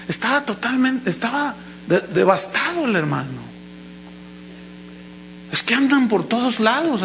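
A man's voice: high voice, creaky, a bit bright, slight background noise, rough recording. A man preaching a sermon, telling stories animatedly and acting out the voices of the people he quotes. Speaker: pastor.

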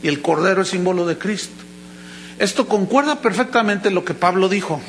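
A man's voice: sits high, animated, fairly quick, a little hiss or hum, rough recording. A man preaching a sermon, telling stories animatedly and acting out the voices of the people he quotes. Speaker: pastor.

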